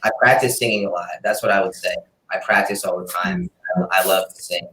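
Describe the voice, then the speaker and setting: With a low, slightly bright voice that swings widely in pitch and moves a little fast, a male singer-songwriter chats loosely about his music in a casual interview. It takes place in a city apartment room with street noise outside, and the recording has a roomy echo.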